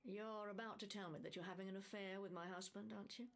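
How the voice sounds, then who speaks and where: A woman's voice: medium pitch, fairly even intonation, fast talker, lightly acted. An actress playing a wry older woman, lady of a grand house, speaking with dry, genteel teasing. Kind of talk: audio drama acting.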